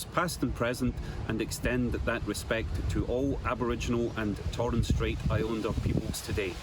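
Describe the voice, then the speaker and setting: A man from Scotland, giving a chatty outdoor video greeting from a city hilltop and describing the view around him. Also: mid-range voice. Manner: chatty, tour-guide-like description of surroundings. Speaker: guest well-wisher. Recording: outdoor traffic noise.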